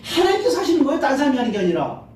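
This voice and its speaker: A male pastor races through a Sunday sermon in a very high-pitched, slightly mellow voice with huge pitch swings, acting out little scenes and asking the congregation questions. The large sanctuary is very echoey, his handheld mic sounds distant, and a little hiss or hum is present.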